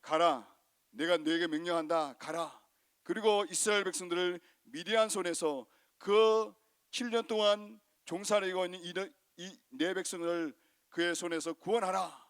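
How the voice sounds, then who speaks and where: A man's voice: high-pitched, steady tone, normal speed, a bit bright, clear, resonant tone, dry recording, clean studio sound. A man preaching who acts out God as a firm, commanding male voice that turns offhand when granting requests.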